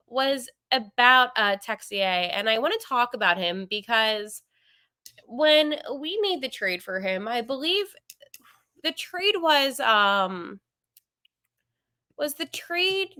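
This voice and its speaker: Bright, crisp-voiced woman podcast host. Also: a little high, dry recording, clean studio sound. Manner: chatty, opinionated, with frequent fillers and asides. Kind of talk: casual solo podcast commentary.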